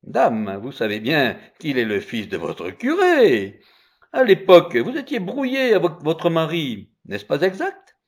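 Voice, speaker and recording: A defiant young seer, as a man reads him in a raised voice, pressing his case loudly in a storybook telling. His pitch leaps about as he accuses and warns. He never backs down. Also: huge pitch swings, a little slow, breathy edge, full character voice. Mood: insistent. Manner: loud pressing declamation. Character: clever boy seer, bold, accusing, solemn.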